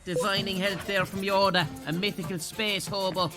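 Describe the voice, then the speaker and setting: A British man giving deadpan, jokey voice-over commentary on a comedy game show. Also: high voice, normal speed. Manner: deadpan, absurd wisecracks. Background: loud music.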